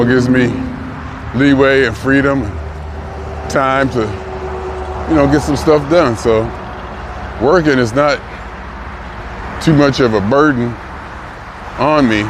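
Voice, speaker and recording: Musing man in his sixties, street traffic. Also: medium pitch. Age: 60s. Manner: musing, halting, thinks aloud with pauses and restarts. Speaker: vlogger. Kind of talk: reflective personal vlog. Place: outdoors on a city street, walking. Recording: outdoor traffic noise. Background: passing cars and street noise.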